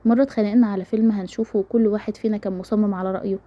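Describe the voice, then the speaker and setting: A woman with an Egyptian accent reading a romance story aloud in a brisk, steady first-person narration. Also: mid-range voice, dry recording, highs cut off. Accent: Egyptian Arabic.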